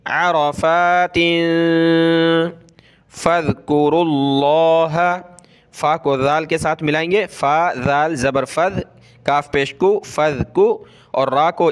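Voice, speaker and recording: A male Quran teacher who recites verses slowly and drawn out, then explains the letters and vowel marks in quick asides. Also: on the high side. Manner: slow drawn-out recitation with brisk explanations between.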